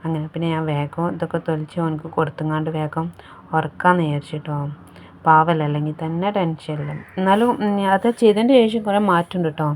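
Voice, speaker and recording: A woman's voice: sits low, fairly even intonation, quick pace, a little mellow, a little hiss or hum. A woman, a mother narrating a casual vlog from a hospital room in a chatty style that keeps adding little tag words. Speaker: vlogger, mother of the patient.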